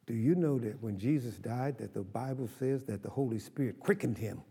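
A man's voice: mid-range voice, fairly quick, dark tone, breathy edge, in a large hall. An older man, a pastor preaching a sermon with call-and-response to his congregation.

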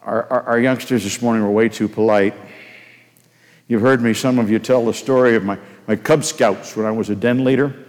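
Older pastor telling stories in a reverberant church. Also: male voice, lowish voice, steady tone, normal speed, a little mellow. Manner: folksy, anecdotal, asks the congregation questions. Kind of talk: sermon with personal storytelling. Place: church sanctuary. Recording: long hall reverb. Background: long hall reverb.

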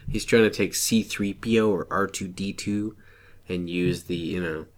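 A man with a slightly low voice trades casual banter as a podcast co-host. He sounds sarcastic and grumbles his way through the exchange. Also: steady tone, moderate pace.

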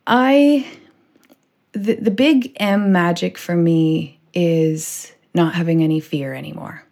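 A woman's voice: on the low side, slow pace, a little mellow. A woman hosting a casual podcast conversation, rambling with lots of "like" and "you know". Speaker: podcast host.

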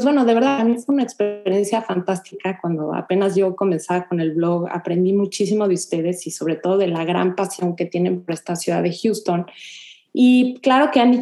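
A woman's voice: medium pitch, dark tone. A woman hosting a podcast who introduces her guest and asks questions in a friendly, enthusiastic way. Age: adult mother. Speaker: podcast host. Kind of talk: casual interview.

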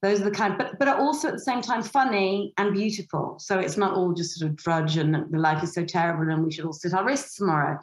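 A woman's voice: lowish voice, fast talker, few pauses. A woman producing and directing a stage play, chatting in an interview with many "um"s and restarts. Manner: rambling, frequent fillers and restarts. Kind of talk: casual interview chat. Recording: echoey room.

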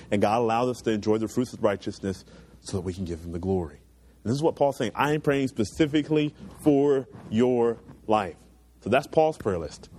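Earnest young man preaching to a youth group. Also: darkish tone. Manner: earnest, emphatic preaching with rising pitch on key points. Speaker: youth pastor. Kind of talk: sermon.

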